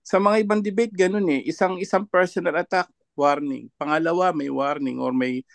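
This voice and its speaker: Brief: high-pitched male panelist, dry close sound, scornful and chuckling. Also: steady tone, moderate pace, creaky, dry recording. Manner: mocking, laughs often between jabs. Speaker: panelist commenting on a debate. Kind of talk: online discussion commentary.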